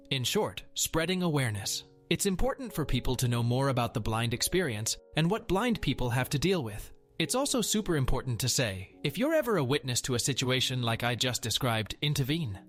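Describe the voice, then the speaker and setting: A man reading a first-person story aloud in an earnest, plain way. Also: mid-range voice. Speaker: story narrator.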